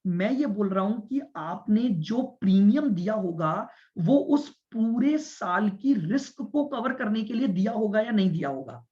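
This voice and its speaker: High-voiced male commerce teacher lecturing. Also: expressive, a little mellow. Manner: explains step by step, repeats points and checks understanding with students; speaks deliberately and stresses listening. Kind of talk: classroom lecture. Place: classroom with students. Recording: dull lo-fi lecture recording.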